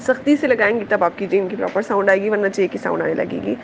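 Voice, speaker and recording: A woman's creaky, medium-pitched voice guides students through a tajweed lesson, with background noise behind her. She takes each sound patiently, repeats it slowly and confirms they understand.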